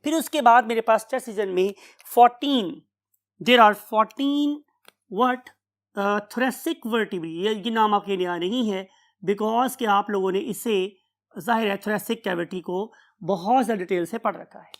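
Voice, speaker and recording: A woman teaches a biology lesson in an even, mid-range voice. She speaks slowly and deliberately, often asking her class a question and then supplying the answer. She mixes English terms into her explanation and checks understanding with "right?". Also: medium pitch. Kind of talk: classroom lecture.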